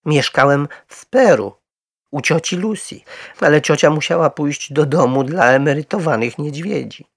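A man voicing a small, polite male bear who speaks quietly and clearly with great dignity. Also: on the high side, moderate pace, no echo, studio quality, pitched above the performer's own voice. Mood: earnest.

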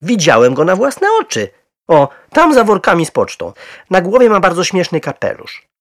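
A man's voice: sits high, wildly swooping pitch, normal speed, fairly bright tone, no echo, studio quality, pitched above the performer's own voice, heavily acted. A man voicing a bespectacled middle-aged husband who speaks emphatically and proudly, sometimes flustered. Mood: insistent.

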